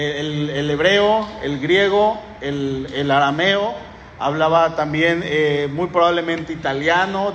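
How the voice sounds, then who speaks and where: His voice sits on the high side with a fairly bright tone as he preaches, and his Mexican Spanish accent is clear. He tells Bible stories conversationally and keeps restarting himself. Faint ambience, a bit of hiss or hum, and the long reverb of an echoey hall surround him.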